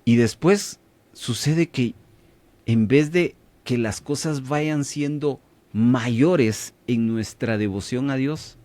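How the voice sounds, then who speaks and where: Hosting a radio Bible teaching program, a man with a Latin American Spanish accent preaches emphatically and puts questions to his listeners. His medium-pitched voice is slow and warm, recorded on a studio microphone with no echo.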